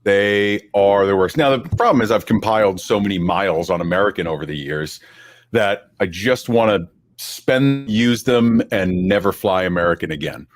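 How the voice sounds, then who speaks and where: A man hosts a relaxed podcast chat in a fairly low voice. He talks in an easygoing, rambling way, with good-natured teasing of the people with him. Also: moderate pace, no echo. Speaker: podcast host.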